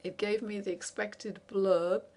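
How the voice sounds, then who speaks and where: A woman giving a wry, skeptical opinion monologue, pausing often with fillers. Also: mid-range voice, flat delivery, a little mellow. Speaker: commentator.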